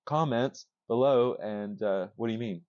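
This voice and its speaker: A man co-hosting a casual podcast, rambling excitedly with many restarts and casual swearing. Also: mid-range voice, normal speed, no room sound, muffled recording. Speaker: podcast co-host. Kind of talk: casual chat.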